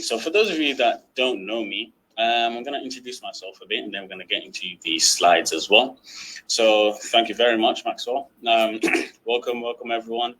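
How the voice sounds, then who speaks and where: Male trainer, lowish bright voice, chatty webinar delivery with lots of "um"s. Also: poor audio. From United Kingdom. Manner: chatty, many fillers and throat-clearing. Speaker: guest trading trainer. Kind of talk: online webinar presentation.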